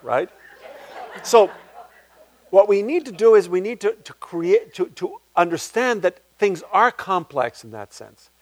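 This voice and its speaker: Reflective man, higher voice, dry sound. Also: dry recording. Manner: reflective, restarts often, animated pitch swings. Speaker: guest speaker, playwright. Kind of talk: public talk Q&A answer.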